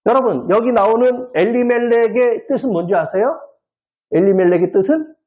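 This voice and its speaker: A male pastor preaching a sermon at a church service. He talks playfully, cracks jokes and keeps prodding the congregation with quick questions. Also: very high-pitched, darkish tone, dull audio. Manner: quizzes the congregation with constant "eh?" prompts; jokey, playful wordplay.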